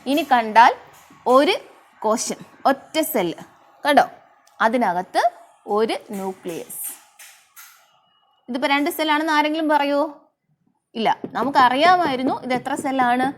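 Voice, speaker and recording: A woman with a high voice leads an online biology lesson. She asks a question and then answers it herself. She slows right down to spell out each English term. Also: a little hiss or hum. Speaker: biology teacher.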